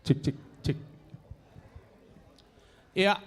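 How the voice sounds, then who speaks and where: A man in his sixties with a Toba Batak accent, telling a comic story in a slow, drawn-out way to an audience of elders. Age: 60s. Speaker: elderly stand-up contestant. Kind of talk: stand-up comedy storytelling.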